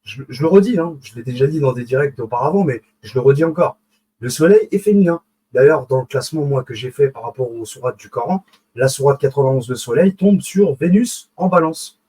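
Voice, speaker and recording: Husky man giving a rambling lecture. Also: mid-range voice, lively intonation, brisk, mellow, poor audio. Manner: digressive, self-correcting, many fillers and restarts; checks in with listeners often. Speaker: online lecturer on esoteric symbolism. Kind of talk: casual live lecture.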